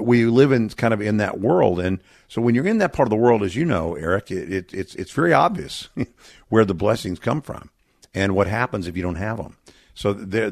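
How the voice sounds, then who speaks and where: This radio interview guest, a charity representative, is a middle-aged Texan man whose low voice carries a gravelly edge. Earnest and reflective, he's captured in a dry, close studio with no room sound.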